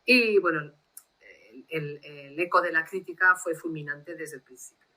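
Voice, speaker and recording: A woman translator, telling anecdotes in a lively way and acting out dialogue over a video call. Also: sits low, unhurried, low-quality recording. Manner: lively anecdotal storyteller who acts out dialogue. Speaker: literary translator, guest. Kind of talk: casual storytelling interview.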